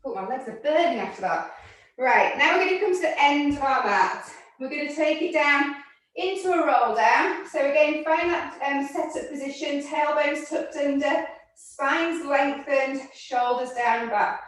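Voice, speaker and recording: A slightly high-voiced woman talks through a barre and mat workout at an unhurried pace, counting down reps and cueing each move. She is audibly out of breath. Her voice comes from some distance in a very echoey room. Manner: counts reps and cues moves, gently encouraging. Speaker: fitness instructor. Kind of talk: exercise class instruction.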